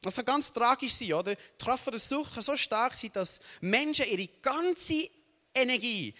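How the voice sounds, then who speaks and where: A young adult man with a Swiss German accent preaching a sermon, often checking in with the audience. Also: very high voice. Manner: animated, asks the audience "oder?" often. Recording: long hall reverb.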